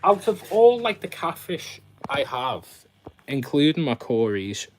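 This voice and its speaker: This is a man with a fairly high, sing-song voice who speaks a little slowly while hosting a casual live stream about fishkeeping. He chats in a rambling way to viewers as he shows his tanks, and the low-quality recording carries a little hiss or hum.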